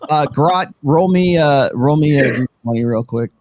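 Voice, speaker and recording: A man's voice: on the high side, moderate pace, heavy background noise. A man running a tabletop role-playing game, narrating casually in a wry, teasing way. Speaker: game master.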